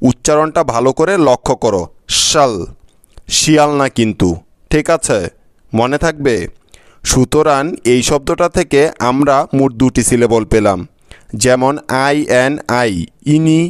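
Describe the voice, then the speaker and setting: A man teaching English pronunciation in a lesson, spelling letters out slowly and asking his viewers questions. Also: medium pitch, clean tone, no echo, clean studio sound. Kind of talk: explanatory lesson, addressing viewers.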